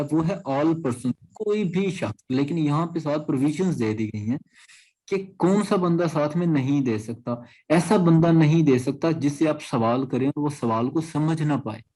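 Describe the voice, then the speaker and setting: A law lecturer with a Pakistani accent runs an exam-prep class, reading out clauses and explaining them point by point. His mid-range voice is warm, his teaching didactic and repetitive, and the audio is poor.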